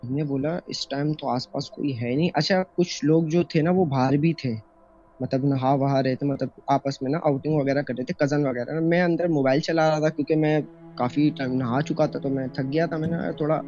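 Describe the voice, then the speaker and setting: Recorded as a dull, lo-fi phone voice note with faint music, this is a young Pakistani man sharing a horror encounter of his own. He talks casually and a little fast, with a slightly high, mellow, steady voice, rambling with lots of fillers and restarts.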